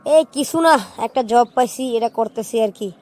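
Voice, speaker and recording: A woman's voice: fairly high pitch, normal speed, mellow, close to an everyday voice. A woman voicing a naive young man from a village in a cartoon, talking plainly and matter-of-factly. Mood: earnest.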